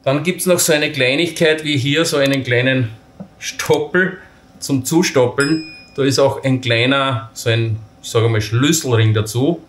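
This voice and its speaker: A man's voice: mid-range voice, measured pace, fairly bright tone. Casual man explaining gear in echoey space. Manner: casual, self-deprecating, talks while handling parts. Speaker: camping gear vlogger. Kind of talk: hands-on assembly tutorial. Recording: roomy echo with faint noise.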